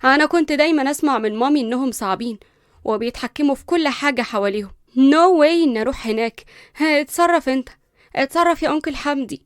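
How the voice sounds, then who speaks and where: A woman puts on a spoiled, arrogant young woman from a storybook, with an Egyptian Arabic accent. She talks fast and fairly high, loud and scornful, and the recording sounds close and dry. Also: no echo, natural voice. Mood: indignant.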